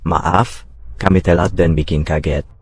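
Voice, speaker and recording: A deep, stern executive aide. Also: male voice, fairly even intonation, measured pace, darkish tone, husky, no room sound. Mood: commanding. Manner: cold, commanding. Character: stern powerful male executive assistant. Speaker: corporate assistant. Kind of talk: short drama acting.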